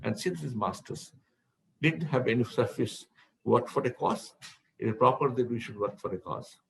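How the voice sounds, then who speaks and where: Speaking to devotees during an online session, this spiritual teacher has an Indian English accent and a medium-pitched, expressive, slightly bright voice with vocal fry. He talks at a normal speed but rambles, often repeating words as he reaches for the next phrase, and the recording is rough.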